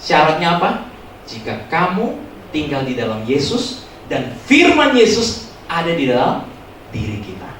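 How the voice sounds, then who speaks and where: A man preaching a joking, animated youth sermon as pastor, acting out loud prayers, in a church hall recording heard from far off. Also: a little high, a little slow, long pauses, a little hiss or hum.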